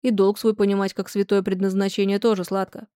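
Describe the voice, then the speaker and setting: Brief: woman reading a patient, reasoning young man, mellow tone, dry close sound. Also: mid-range voice, brisk, no room sound, lightly acted. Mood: calm. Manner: calm, reasoning.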